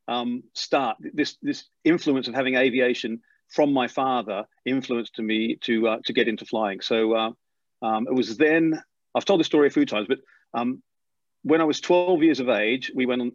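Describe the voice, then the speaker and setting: A middle-aged airline pilot, interviewed about his life, tells his story quickly in a mid-range voice with an Australian accent softened by decades in England. He's animated, stumbling and restarting frequently as he warms up. The dry, lo-fi recording is a touch muffled.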